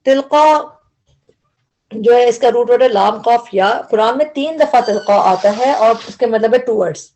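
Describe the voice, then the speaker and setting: A woman's voice: on the high side, normal speed, darkish tone. A woman with an Urdu accent teaching a word-by-word translation lesson, explaining grammar patiently and repeating each word.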